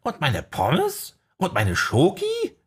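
A man voicing a goofy male friend in a very high, squeaky voice, read as an audiobook. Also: wildly swooping pitch, takes it slowly, a bit bright, slightly rough, exaggerated voice.

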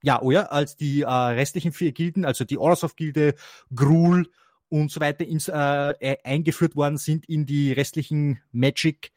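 A man talking on a casual card game podcast. His voice sits a little high and sounds dry and close. He rambles, restarts sentences and laughs often. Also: steady tone, moderate pace, darkish tone, no room sound. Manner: rambling with many restarts and fillers. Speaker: co-host.

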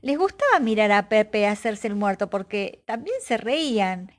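Woman narrator for a children's storybook, slow, expressive, lively pitch. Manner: expressive, with sound effects. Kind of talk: children's storybook read-aloud.

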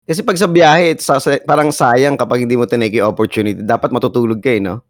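A young Filipino man co-hosting a podcast in relaxed, joking banter with casual swearing. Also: mid-range voice, fast talker, no room sound, clean studio sound. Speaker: podcast co-host. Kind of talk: casual chat.

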